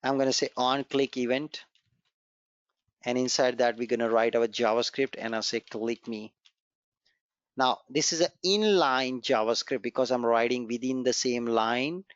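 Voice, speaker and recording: At a moderate pace and in a mid-range voice, a programming instructor whose first language is Gujarati leads a live online coding class. He encourages his students, repeats the key points, and walks through the code step by step. The lo-fi recording is dull and dry, with no room sound.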